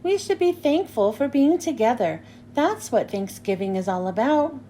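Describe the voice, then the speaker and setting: A calm, sensible young girl from a storybook, voiced by a woman. The voice sits high and soft-edged, with slight noise behind it. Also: moderate pace. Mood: consoling. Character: sensible, gentle young girl, quietly frank peacemaker. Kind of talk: children's storybook read-aloud.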